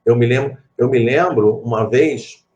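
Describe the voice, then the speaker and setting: A middle-aged Brazilian man with a Rio de Janeiro Portuguese accent leads a spiritist study group, telling stories full of asides and repeated phrases in a conversational way. His medium-pitched voice is unhurried and a little mellow, though the recording is muffled.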